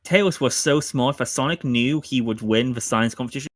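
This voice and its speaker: A man hosting a podcast, narrating fanfic aloud with halting restarts and bursts of laughter. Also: mid-range voice, no room sound. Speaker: podcast host. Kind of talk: reading fanfic aloud, casual chat.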